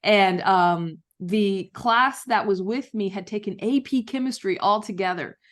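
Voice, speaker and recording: A woman author, a guest on a podcast, speaking in an enthusiastic, storytelling manner. She has an even, middle pitch, so her voice is neither high nor low. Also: measured pace. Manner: enthusiastic, storytelling with acted quotes. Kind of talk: podcast interview.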